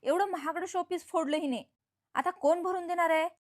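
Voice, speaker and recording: Woman reading as a sharp-tongued scolding housewife. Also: high-pitched, fast, lightly acted. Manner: harsh, scornful.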